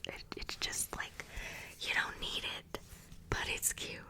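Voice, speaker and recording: A woman speaks in a soft, unvoiced whisper pressed close to the microphone. She talks in an unhurried, drawn-out way, rambling casually and stopping to correct herself mid-thought. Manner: rambling, self-correcting, chatty. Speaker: ASMR creator. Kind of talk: whispered ASMR movie recommendations. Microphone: close ASMR microphone.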